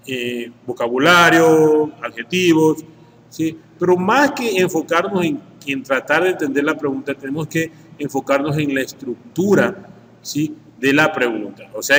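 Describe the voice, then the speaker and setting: A man's voice: a little high, a bit bright. A man with an Ecuadorian Spanish accent teaching an English grammar lesson, working through each example step by step and checking in with "¿sí?" after nearly every sentence. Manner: explains step by step, tags sentences with "¿sí?". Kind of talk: screen-share grammar lesson. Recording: echoey room with faint background noise.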